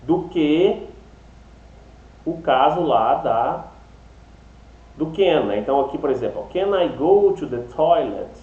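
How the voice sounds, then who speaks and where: A man's voice: a little high, expressive, slow pace, pauses often, warm tone. A man with a Brazilian accent teaching an English class, explaining step by step and checking in with "né?" and "tá?" after almost every phrase. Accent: Brazilian Portuguese. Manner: chatty, explains step by step, adds "né?" and "tá?" often. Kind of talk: online class lecture. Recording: slightly dull, echoey room.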